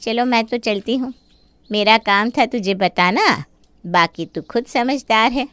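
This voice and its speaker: A woman's voice: a little high, unhurried, a bit bright, smooth, dry recording, pitched above the performer's own voice. A woman voicing a meddling older neighbor aunt who gives conspiratorial warnings in a cartoon.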